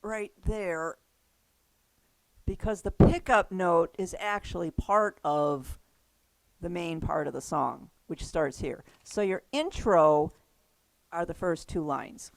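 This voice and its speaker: A woman's voice: on the low side, slow pace, vocal fry, dry recording, rough recording. Chatty woman teaching a music class. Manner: chatty, laughs easily, trails off with restarts. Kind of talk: casual class lesson.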